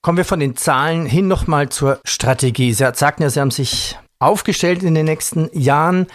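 A man interviewing a company executive, asking direct questions and listing topics briskly. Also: on the high side, no room sound, clean studio sound. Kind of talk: business interview.

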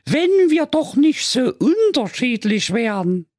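A cheeky young princess with a broad Saxon accent, as a male narrator puts her on, speaking in a high falsetto. She teases and scoffs boldly, in a dry, close storybook reading. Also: sing-song, slow, no room sound, exaggerated voice. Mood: teasing. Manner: cheeky, teasing.

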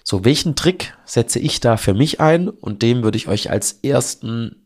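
A man's voice: medium pitch, expressive, unhurried, husky. A man in his early forties with a cold, speaking in a nasal, honking, congested voice as he hosts a casual, chatty, self-deprecating solo podcast. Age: early 40s. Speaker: podcast host.

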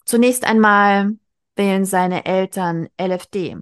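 A woman's voice: mid-range voice, a little slow, clean tone, close to an everyday voice. A woman reading aloud as a worried middle-aged mother speaking earnestly and dryly to her daughter. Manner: earnest, dry.

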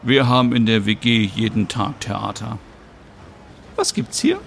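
A man's voice: on the low side, a little slow, creaky, fairly bright tone, slight background noise. A man voicing a theatrical, upbeat woman friend in a one-man audio soap, talking in a gushing, sing-song way. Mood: effusive.

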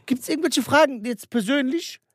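A man co-hosting a podcast, joking and laughing in animated casual banter. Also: very high-pitched, normal speed, husky, no room sound, clean studio sound. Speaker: podcast co-host. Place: in Switzerland.

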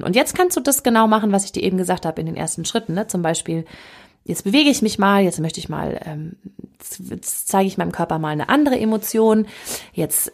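A woman's voice: medium pitch, gravelly, husky. A woman coach talking casually about handling emotions, often quoting her own self-talk. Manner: conversational, self-correcting, with quoted self-talk. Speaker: happiness coach.

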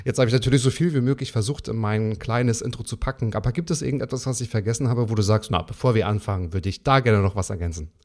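Chatty male podcast host, lowish voice. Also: fast, hardly any pauses. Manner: chatty, enthusiastic. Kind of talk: casual interview hosting.

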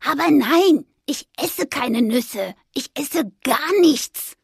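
A woman voicing a kind male ghost in a children's story, speaking slowly and gently. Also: sits high, animated, gravelly, no room sound, studio quality, pitched above the performer's own voice, heavily acted. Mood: calm, gentle. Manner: slow, drawn-out, gentle.

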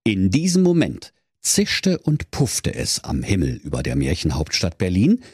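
A man's voice: deep voice, wildly swooping pitch, unhurried, a little mellow, breathy edge, no room sound. A man narrating a comic fairy tale in a mock-solemn storytelling manner. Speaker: podcast host and narrator.

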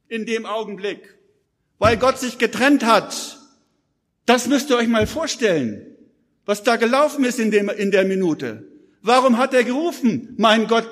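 A man with a high voice preaches urgently to a gathered crowd, pressing each point with emphasis. His words ring out with a long hall reverb behind them. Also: a bit bright. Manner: urgent, emphatic, addresses listeners directly. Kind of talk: live sermon. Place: church hall with audience.

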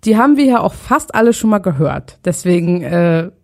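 A woman's voice: lowish voice, sing-song, a little fast, dark tone. A woman co-hosting a chatty podcast, teasing her co-host as she runs a guessing game. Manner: playful, teasing quizmaster. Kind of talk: casual chat, running a quiz game.

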